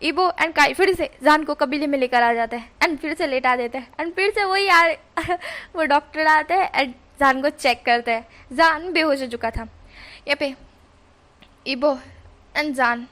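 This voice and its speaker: High, bright-voiced woman storyteller. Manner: chatty, quick self-corrections. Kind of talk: casual story retelling.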